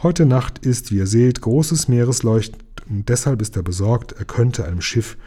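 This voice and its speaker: A man reading a children's story aloud, voicing a gentle male sea creature with a melodious, singing way of speaking. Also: mid-range voice, moderate pace, close to an everyday voice.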